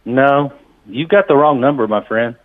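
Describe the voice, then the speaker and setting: A man's voice: medium pitch, normal speed, background noise. Blunt man over a tinny landline. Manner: blunt, growing confrontational. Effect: heard over a landline phone. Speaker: apartment manager taking a prank call. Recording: tinny narrow phone line.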